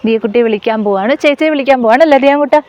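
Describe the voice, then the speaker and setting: A woman's voice: a little high, very fast, darkish tone, a little hiss or hum. A young woman and mother chatting casually in a family vlog, coaxing and teasing small children.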